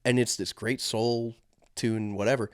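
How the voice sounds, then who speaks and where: A man's voice: mid-range voice, flat delivery, measured pace, smooth, no echo. Rambling young man, dry close sound. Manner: rambling, filler-heavy storytelling. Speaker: podcast co-host. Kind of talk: casual chat.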